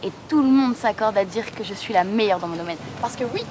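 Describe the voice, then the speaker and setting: Over clear location noise, a young woman in her twenties played by an actress speaks as a brash, ambitious recruiter. She is insistent and boastful, talking in casual slang in naturalistic web-drama style. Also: mid-range voice, quick pace, a little mellow, close to an everyday voice. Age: 20s. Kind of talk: naturalistic screen drama dialogue. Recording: clearly noisy location recording.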